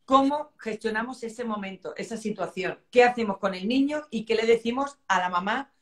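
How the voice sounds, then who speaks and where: A woman's voice: on the high side, moderate pace, fairly bright tone. A woman, interviewing in a chatty way, agreeing often and asking follow-up questions. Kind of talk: conversational interview.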